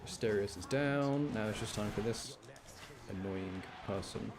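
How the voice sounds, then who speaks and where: This channel host has a lowish voice and speaks a bit slowly while commenting on the game he's playing. His tone is casual, mildly complaining and self-deprecating as he walks through what he's doing, with noticeable noise behind him.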